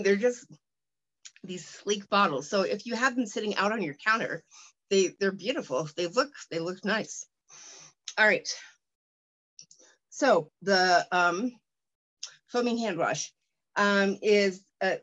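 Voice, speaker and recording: A woman chatting through a casual unboxing at a middling pitch, rambling along with plenty of fillers and restarts. She stumbles a little when reading product copy aloud. The recording sounds slightly dull and muffled. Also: slow, pauses often, a bit bright. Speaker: product reviewer.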